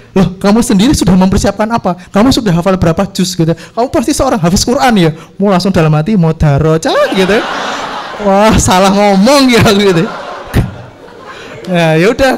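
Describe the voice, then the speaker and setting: A man from Indonesia, telling a travel story to an audience in an animated way, laughing and acting out the voices of people he met. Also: sits high.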